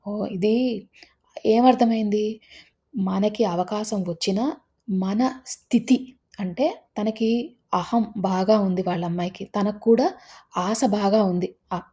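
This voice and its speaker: Mellow husky woman telling a folk tale. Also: mid-range voice, slow pace, long pauses. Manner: lively, animated retelling with character voices. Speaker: storyteller.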